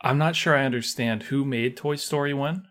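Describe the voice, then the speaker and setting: A man co-hosting a podcast with a wry, easygoing manner, laughing along as the talk wanders. His voice sits in a middle pitch and plain everyday tone. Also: normal speed, fairly bright tone. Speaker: podcast co-host. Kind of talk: casual podcast banter.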